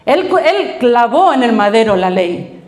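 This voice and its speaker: A middle-aged woman pastor with a Spain Spanish accent preaches in a fairly high voice. She tells the story with energy, slips into quoted voices and laughs along the way. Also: very animated, a little slow, darkish tone, reverberant. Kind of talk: sermon.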